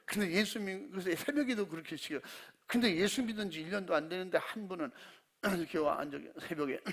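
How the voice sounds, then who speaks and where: Male pastor in church, high-ish gravelly voice, folksy funny stories, does hushed prayer voices. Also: fairly quick. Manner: folksy and humorous. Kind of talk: Wednesday evening sermon.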